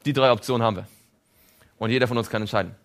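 A man preaching a sermon, animated, often putting questions to his listeners. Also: mid-range voice, racing. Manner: animated, asks audience questions.

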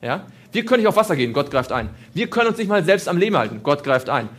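Guy giving a sermon, voice a bit on the high side, repeats lines for emphasis. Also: big pitch swings, fast talker, fairly bright tone, a little hiss or hum. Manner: asks the audience questions, repeats phrases for emphasis. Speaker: preacher.

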